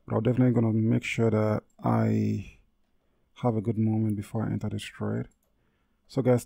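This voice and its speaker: A man's voice: fairly low pitch, creaky, warm tone, dry recording. A man hosting a casual trading tutorial over a screen recording, repeating himself and correcting his words with many fillers. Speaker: trading channel host.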